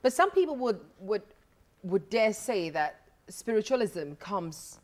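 A middle-aged woman hosting a television studio interview, asking questions in a halting way with frequent restarts, on a lapel mic. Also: mid-range voice, sing-song, a little mellow. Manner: halting, many restarts and fillers. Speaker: TV host. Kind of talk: studio interview, switching languages. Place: TV studio, indoors.

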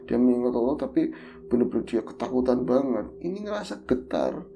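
A man, a podcast host casually retelling a horror story in a vivid, animated way. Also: medium pitch, fairly quick, creaky, noisy background.

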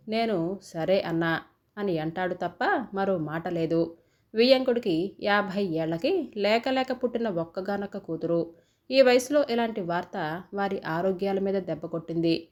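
A woman narrating an audio story in a steady, reflective way, often asking rhetorical questions. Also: medium pitch.

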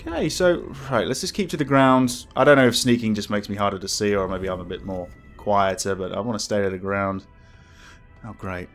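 A man giving casual let's play commentary as a scared, jumpy horror game streamer who exclaims and swears. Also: medium pitch. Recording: music behind the voice.

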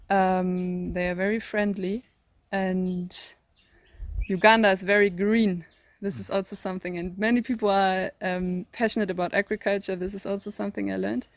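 An eighteen-year-old woman from northern Germany with a German accent, speaking English as a second language, answering interview questions thoughtfully with many pauses and restarts, recorded outdoors in a garden. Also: mid-range voice, no room sound. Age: teens. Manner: thoughtful, searching for words, many ums and restarts. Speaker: interview guest, volunteer. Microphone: handheld phone held by interviewer.

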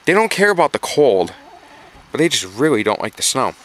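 A backyard chicken keeper and vlogger talks in a medium-pitched, sing-song voice that is fairly quick and a bit bright. He gives casual how-to advice, repeating points for emphasis, while moving between his yard and a small wooden coop. The audio comes from a handheld camera held by someone behind it and is noisy.

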